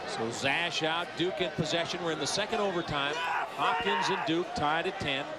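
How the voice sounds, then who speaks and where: A man's voice: on the high side, normal speed, over a noisy crowd, heavy background noise. A man calling a live lacrosse game as the play-by-play sports announcer.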